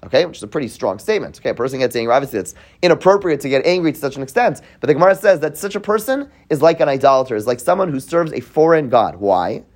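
A man's voice: mid-range voice, sing-song, very fast, hardly any pauses. Male teacher giving a classroom text study, reading passages, translating and explaining, with frequent restarts. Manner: reads Hebrew passages then translates and explains; frequent restarts, checks in with "right?" and "okay?". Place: classroom with listeners present.

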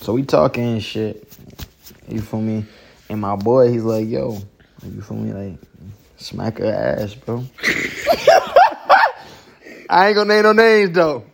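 A man's voice: fairly low pitch, lively intonation, takes it slowly, vocal fry, long pauses. A young man hosting a podcast, telling stories in casual, profane slang, often breaking into laughter. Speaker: podcast host. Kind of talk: casual chat, storytelling.

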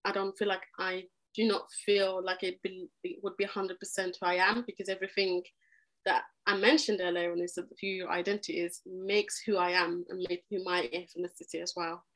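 A young adult Egyptian woman whose first language is Arabic appears as a guest on a podcast, talking earnestly and animatedly in a conversational interview and often restarting sentences. Her fairly low voice is level, brisk, and a bit bright, captured in a low-quality recording.

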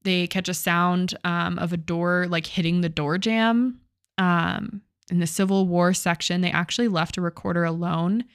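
A woman's voice: on the low side, steady tone, normal speed, clean tone, dry recording, studio quality. A young woman co-hosting a podcast, retelling a ghost story in casual chat, swearing and using many fillers. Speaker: podcast co-host.

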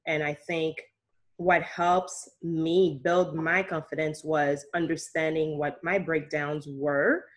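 A woman from Haiti who works as a coach answers interview questions slowly. Her voice sits a little low. She speaks softly and reflectively, pausing often. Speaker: guest, leadership coach.

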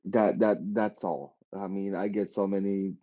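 A man with a deep, dark voice tells a story in a casual podcast chat, acting out what people said and swearing freely. The recording is dry and dull, with a lo-fi edge. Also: unhurried, dry recording. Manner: animated retelling with quoted dialogue, swearing. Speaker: podcast guest.

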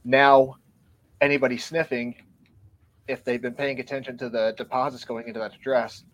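As a guest on a podcast, a man earnestly explains where he stands in a casual discussion, reading from show notes and sounding a bit breathless. His mid-range voice is level and a bit bright at normal speed, though the highs are cut off.

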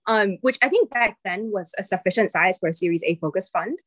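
With a medium-pitched, slightly bright voice, a woman talks animatedly and fairly quickly in studio-quality audio with no echo. A Singapore-born venture capital partner in her thirties, she's a chatty interview guest, blending Singaporean and American accents and using lots of ums and likes.

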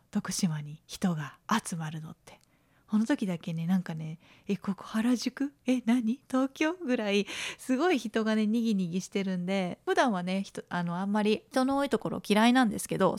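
This podcast host, a woman around forty from Tokushima, Japan, talks solo in a playful, lively way and performs quoted lines in a higher voice. The sound is studio quality with no room sound.

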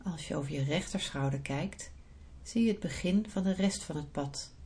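A woman podcast host guiding a relaxation visualisation in a soft, soothing, unhurried manner. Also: sits low. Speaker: podcast host, breathing therapist and yoga teacher.

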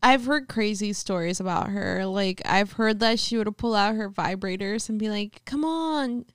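A young woman co-hosting a casual podcast, gossipy and quick with interjections. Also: medium pitch, steady tone, smooth, dry recording, studio quality.

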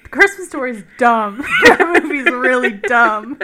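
A woman's voice: sits high, animated, measured pace, pushed and bright, slight background noise. Giggly young woman podcast co-host. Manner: giggly, chatty. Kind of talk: casual chat.

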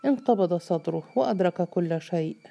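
A woman reading a literary story aloud, measured and steady. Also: lowish voice, vocal fry. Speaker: narrator. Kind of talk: scripted audiobook narration.

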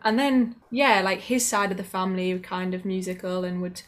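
A woman's voice: medium pitch, flat delivery, brisk. A woman with a Northern English accent, a podcast guest chatting casually with lots of fillers. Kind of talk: casual chat.

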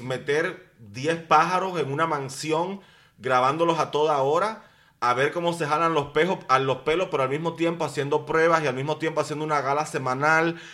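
A man's voice: fairly high pitch, a bit bright. A man, hosting a podcast and gossiping about a reality show in a chatty, dramatic way, full of slang. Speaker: podcast host. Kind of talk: casual gossip commentary.

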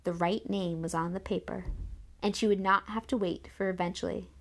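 A woman narrating a children's novel in an audiobook, with expressive storytelling. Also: medium pitch, a little fast.

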